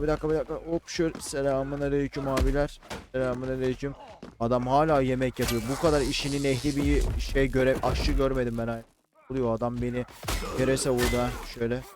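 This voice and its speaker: A young man casually commentating a let's-play, chatty and slangy, shouting and yelping when fights get heated. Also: mid-range voice, quick pace, noisy background. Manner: excitable, shouts and yelps during fights. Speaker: gaming YouTuber. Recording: game music and gunfire behind.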